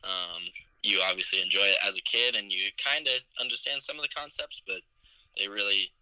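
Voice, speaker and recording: Twenties male co-host, low voice with a very bright, sharp edge, hesitant casual delivery. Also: fairly quick, no echo, poor audio. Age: 20s. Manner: hesitant, many ums, chuckles while recounting scenes. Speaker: podcast co-host. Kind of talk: casual movie review chat.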